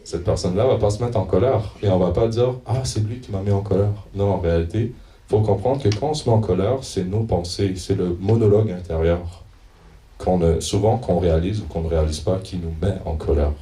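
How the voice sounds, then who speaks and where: Casual church talk from a deep-voiced man, stops to hunt thru notes, echoey room, mic far off. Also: brisk, mellow. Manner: hesitant, searching notes and reading passages aloud. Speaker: preacher. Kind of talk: informal church teaching.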